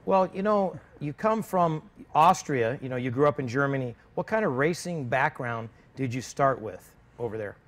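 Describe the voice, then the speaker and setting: A man's voice: mid-range voice, lively intonation, moderate pace, few pauses. A man hosting a racing talk show, chatty and loose as he interviews his guest. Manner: chatty, loose, leans on filler phrases. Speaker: show host. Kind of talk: casual TV interview.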